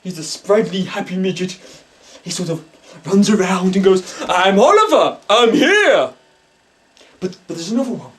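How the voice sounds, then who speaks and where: A man playing a hammy spoof psychic medium who speaks in halting, dramatic whispers and gasps in a comic mock documentary. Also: high-pitched, sing-song, distant mic. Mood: excited. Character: hammy male stage psychic, breathy and theatrical.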